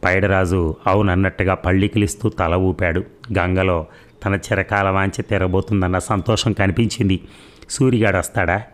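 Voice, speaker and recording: A man telling a story in a steady, earnest way, adding heartfelt remarks of his own. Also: deep voice, normal speed. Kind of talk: storybook narration.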